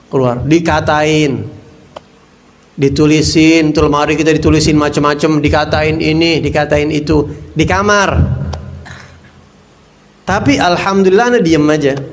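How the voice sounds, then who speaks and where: A man, his voice sitting a little higher than most men's, tells stories from the pulpit. His delivery is loose and conversational, and he slips into the voices of the people he quotes. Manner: casual, colloquial, acts out quoted voices. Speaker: preacher. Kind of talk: storytelling sermon.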